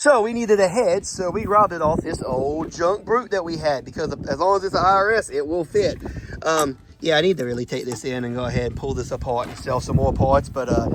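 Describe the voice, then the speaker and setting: A man's voice: a little high, noisy background. A man with a Southern US accent and a congested, snotty voice, rambling casually in a folksy, griping way as he hosts a repair vlog and corrects himself. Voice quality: congested, snotty from a sinus infection. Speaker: host of an off-road vehicle repair channel. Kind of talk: casual rambling vlog, showing parts to camera.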